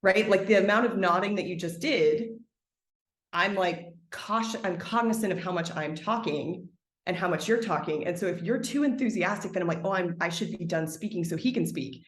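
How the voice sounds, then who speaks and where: A woman talks fairly quickly in a reverberant recording, a guest on a conversational podcast interview. She is thoughtful and expansive, speaks at length, and fills her sentences with "like"; as a trained singer, her speaking pitch is lower than her singing range.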